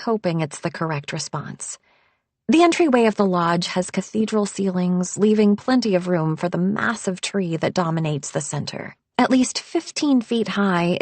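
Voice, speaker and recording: A woman narrating an audiobook in first person, reading at a measured, even pace. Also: mid-range voice, dry recording.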